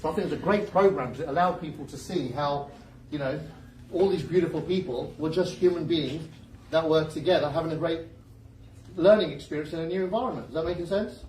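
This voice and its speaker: His voice a little high and his pace a little fast, the seminar speaker jokes energetically and keeps questioning the crowd during his motivational talk. A faint hiss or hum runs under the recording, taken at a distance in an echoey space.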